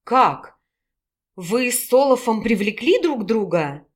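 A woman's voice: a little high, very animated, takes it slowly, exaggerated voice. A woman voicing a fretful older mother who coaxes and pleads. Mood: alarmed. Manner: pleading, coaxing.

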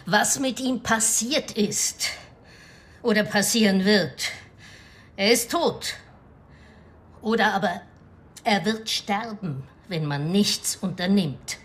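In a radio crime drama, an actress voices a provincial widow in middle age who is grave and anxious, speaking hesitantly with a sense of foreboding. Her medium-pitched, slightly bright voice moves slowly, broken by long pauses, and the mood is urgent and serious.

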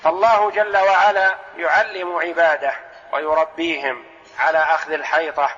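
Man, sheikh, methodical religious lesson, high bright voice, echoey hall, dull lo-fi radio sound. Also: fairly even intonation, normal speed. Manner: poses questions and answers them himself; explanatory, methodical. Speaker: sheikh teaching Quran commentary.

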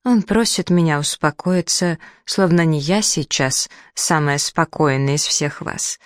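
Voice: unhurried, smooth, no echo, studio quality, close to an everyday voice. A reader voicing an indignant, plump middle-aged widow who makes theatrical complaints. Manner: shrill outrage, theatrical complaints.

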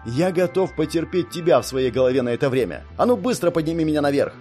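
A man's voice: fairly high pitch, expressive, quick pace, a little mellow, soft background music, lightly acted. A man voicing a furious young dragon-like monster man who roars, snarls and laughs in fits. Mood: furious roaring. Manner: roaring, snarling, laughing hysterically.

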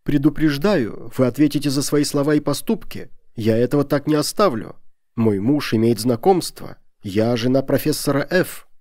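A man voicing an indignant tall lady, a professor's wife, shrill and tearful with outrage in an audiobook story. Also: animated, moderate pace, mellow, no echo, studio quality, close to an everyday voice. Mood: outraged.

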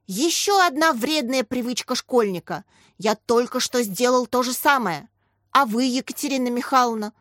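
A lively, know-it-all schoolboy who argues with real gusto and keeps exclaiming, as a woman reads him aloud for a storybook. The voice is raised and bright, and the studio recording is dry and close. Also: fairly high pitch, moderate pace, dry recording, voice pushed up, natural voice. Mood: excited. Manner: eager, argumentative, exclaiming. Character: chatty clever schoolboy who loves arguing.

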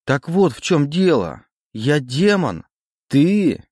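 Brief: man voicing an agitated young man, high and pleading, dry read. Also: sing-song, normal speed, dry recording. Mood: frantic. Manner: pleading, rising panic.

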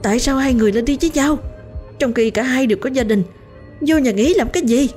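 A woman's voice: high-pitched, fast talker, a little mellow, soft background music, pitched above the performer's own voice, natural voice. A woman voicing a furious, tearful young woman screaming in public.

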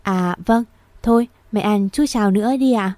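A woman's voice: medium pitch, moderate pace, warm tone, dry recording, natural voice. Woman voicing a polite, caring daughter-in-law. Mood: coaxing.

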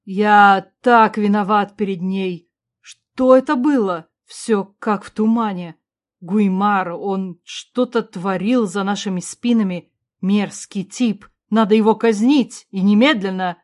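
A woman reading an audiobook, voicing an older remorseful king father who mutters slowly and loudly. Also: mid-range voice, close to an everyday voice. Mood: remorseful, muddled. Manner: slow, loud, mumbling.

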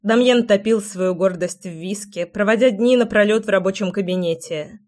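Female audiobook narrator, steady dramatic reading. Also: mid-range voice, normal speed. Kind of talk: scripted narration.

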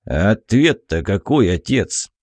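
Man doing a gruff dwarf. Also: on the low side, sing-song, a little mellow, no room sound, clean studio sound, exaggerated voice. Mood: blunt. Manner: gruff, slow barking. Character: gruff bass-voiced dwarf man, blunt.

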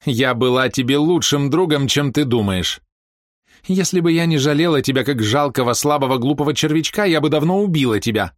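A man's voice: mid-range voice, very animated, normal speed, dry recording, clean studio sound, pitched above the performer's own voice, close to an everyday voice. A man voicing a cold, contemptuous woman criminal in an audiobook, speaking in a taunting, mocking way. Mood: scornful. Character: cold scornful female murderer.

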